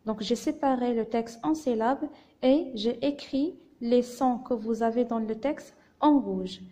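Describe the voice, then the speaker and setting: Moroccan woman as primary teacher; slow, careful syllable-by-syllable reading lesson. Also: fairly high pitch, mellow. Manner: spells out syllables and letter sounds patiently. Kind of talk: slow phonics lesson to young children.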